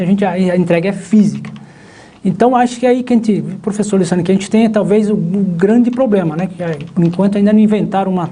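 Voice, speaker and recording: A man's voice: high voice, mellow, a little hiss or hum. A male professor with a Brazilian Portuguese accent, explaining logistics in a live online class, rambling with many restarts. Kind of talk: live online lecture chat.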